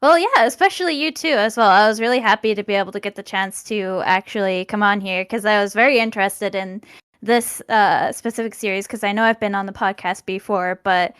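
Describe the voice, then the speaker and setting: A woman's voice: medium pitch, brisk, a bit bright, clear, resonant tone, no room sound, clean studio sound. A woman chatting as a guest on a podcast, talkative and laughing often between phrases. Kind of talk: casual podcast chat.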